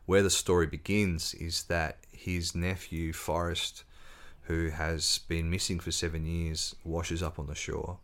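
A man's voice: low voice, measured pace. A man, an author chatting as a podcast guest and telling stories with plenty of ums and restarts. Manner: storytelling, relaxed, with fillers and restarts. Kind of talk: casual interview chat.

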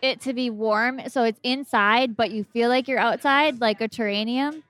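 A woman's voice: a little high, moderate pace, a bit bright. A woman chatting as a podcast guest, playful and giggly. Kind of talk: casual podcast chat.

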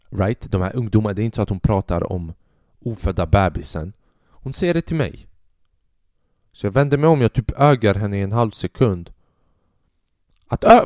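Brief: low-voiced twenties male comic, profane rambling monologue, dry close sound. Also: no echo. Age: 20s. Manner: profane, rambling, animated storytelling. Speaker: podcast host and stand-up comedian. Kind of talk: casual comedic monologue.

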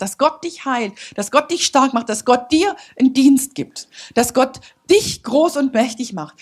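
A woman preaching a sermon to her church, passionate and building up to loud exhortation. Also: fairly high pitch, husky. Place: church service.

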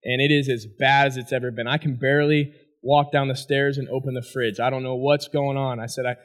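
A man, a former college athlete, giving a personal testimony speech and telling his story with animated energy to an audience. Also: mid-range voice, brisk. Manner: animated storytelling, asks the crowd "right?".

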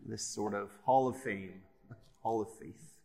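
A man's voice: on the low side, unhurried, vocal fry, dark tone. A man leading an informal Bible study and prayer in short, hesitant phrases, with a digital echo effect on the microphone. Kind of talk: informal class teaching and prayer. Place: class session, live group. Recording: odd echo effect on class recording.

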